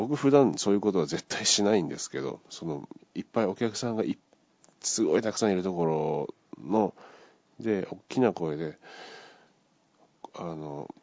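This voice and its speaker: A man's voice: low-pitched, vocal fry, darkish tone, no room sound. A man casually retelling a dream he had, acting out the voices of the people in it. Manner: acts out the voices of people in the story. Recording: dull lo-fi dry recording.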